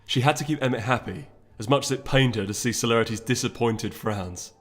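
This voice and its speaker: An audiobook narrator, a man with a middling pitch, reads a fantasy story a little fast and a bit brightly. Music plays behind his scripted narration.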